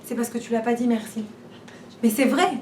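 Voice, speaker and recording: A woman with a slightly high, dark-tinged voice speaks at a steady tone and a slightly quick pace. She's running an informal class in her teaching room, chatting and tossing out rhetorical questions while repeating herself and starting over. The recording sounds roomy and far off, with faint noise behind it.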